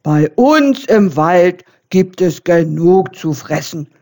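Stubborn wild boar for a children's story, woman reading, low and grumbling. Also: lively intonation, slow, mellow, heavily acted. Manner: grumbling, pushed out.

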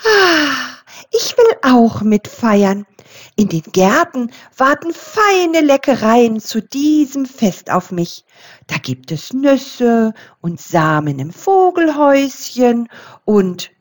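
An eager storybook squirrel chatters in a raised, lively voice, as a woman puts him on. The delivery is slow and expressive. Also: sits high, pitched above the performer's own voice. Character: eager, nut-loving young squirrel.

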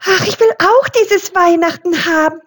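A woman's voice: extremely high pitch, normal speed, pitched above the performer's own voice. A woman voicing a small, chirpy and anxious little bird in a storybook reading. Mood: wistful.

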